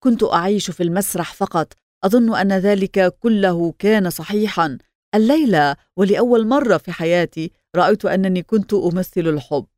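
A woman's voice: medium pitch, fairly quick, darkish tone, no echo, clean studio sound, close to an everyday voice. A woman reading as a lovestruck young actress. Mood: pleading. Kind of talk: audiobook character reading.

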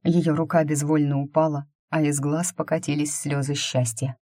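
A woman narrating a romantic fantasy novel in an even, measured voice. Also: low-pitched, no echo, clean studio sound. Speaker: audiobook narrator. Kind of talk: scripted narration.

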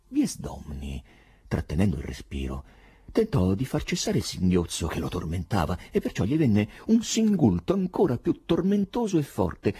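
Male audiobook narrator, low and husky, dramatic, very wide pitch range. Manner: dramatic, expressive. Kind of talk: audiobook reading.

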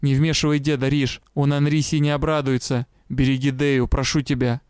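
A man's voice: mid-range voice, little pitch movement, normal speed, darkish tone, clean tone, no echo, studio quality, lightly acted. A man reading an audiobook, voicing a tired, stern magister who talks curtly and growls his answers. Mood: weary. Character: weary stern male magister, commanding.

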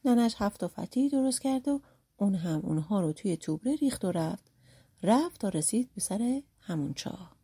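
A woman narrator telling a folk tale with lively storyteller emphasis. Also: medium pitch, breathy edge. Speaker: audiobook narrator.

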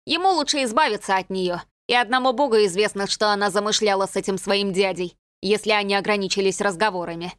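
A woman's voice: mid-range voice, fast talker, hardly any pauses, no echo, lightly acted. A woman reading the part of a callous, scheming soldier in an audiobook. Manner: blunt, callous. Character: ruthless soldier by the fire, scheming man.

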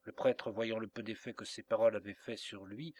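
A low-pitched man narrates a classic novel in a measured, even reading. The sound is dry and close, with no room echo. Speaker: audiobook reader. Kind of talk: literary narration.

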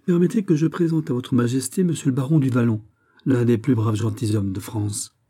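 Guy doing a bold musketeer, animated and punchy, dark husky voice. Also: mid-range voice, moderate pace, lightly acted. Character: bold, witty musketeer captain. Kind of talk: audiobook character reading.

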